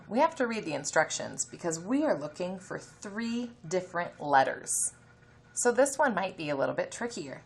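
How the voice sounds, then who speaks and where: This elementary teacher's voice is gravelly and sits fairly low in pitch. During a reading lesson she gives the children instructions, works through letter sounds, and reads a passage to them.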